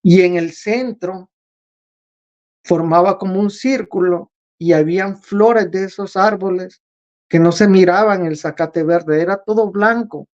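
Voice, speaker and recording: Man, slow-spoken, earnest, repeats himself, dull lo-fi recording. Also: sits high, a little mellow. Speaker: interview guest. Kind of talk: recounting a spiritual vision.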